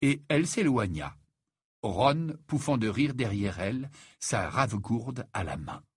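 A man narrating an audiobook in an expressive storytelling way. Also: fairly low pitch, takes it slowly, slightly rough, dry recording, clean studio sound.

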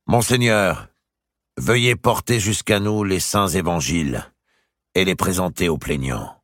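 A man's voice: low voice, lively intonation, unhurried, a bit bright, no echo, clean studio sound, voice pushed up. A man voicing a grave, ceremonious king. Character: grave, formal king presiding over court. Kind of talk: audiobook character voice.

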